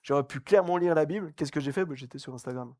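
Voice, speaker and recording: Chatty young preacher, dry sound. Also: male voice, fairly high pitch, fast, darkish tone, dry recording. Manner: joking, chatty, laughs often. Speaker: camp speaker. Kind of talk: casual sermon.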